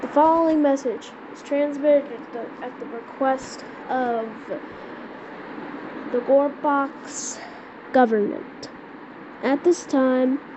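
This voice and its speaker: Speaking slowly in a high voice, a woman acts out a homemade emergency scenario in an improvised amateur skit, complete with a mock emergency announcement. She halts and repeats words while hunting for phrasing, on a dull, noisy lo-fi recording with loud background noise.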